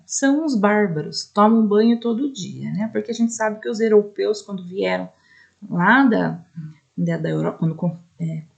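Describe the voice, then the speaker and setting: A woman with a Brazilian Portuguese accent teaches adult students in a recorded lesson, her mid-range voice gravelly and a little mellow. She explains things carefully, spelling out syllables slowly and checking in often with "né?".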